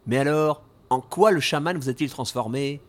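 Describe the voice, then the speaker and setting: A man voicing a boastful, jumpy paladin hero with an excitable, exclamatory manner. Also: mid-range voice, normal speed, close to an everyday voice. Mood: surprised.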